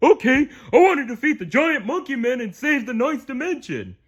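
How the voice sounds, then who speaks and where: A man voicing a dim, excitable male starfish in a storybook read-aloud, with a high, shouty, whining put-on voice. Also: normal speed, husky, heavily acted. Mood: whiny excited.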